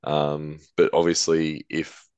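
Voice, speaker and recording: A man's voice: extremely low pitch, slow, clear, resonant tone, no echo. A man co-hosting a casual sports podcast, talking loosely with plenty of fillers. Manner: relaxed, hedging with fillers. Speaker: podcast co-host. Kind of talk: casual chat.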